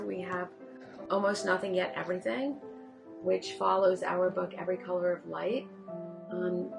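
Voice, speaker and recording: A woman presenting her publishing program in a measured way, with pauses and fillers. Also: mid-range voice, gravelly. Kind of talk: prepared presentation.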